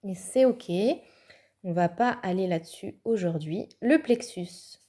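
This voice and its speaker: A woman's voice: medium pitch, unhurried, mellow. A woman giving a casual, chatty tarot card reading, thinking aloud with fillers and little laughs. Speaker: tarot reader.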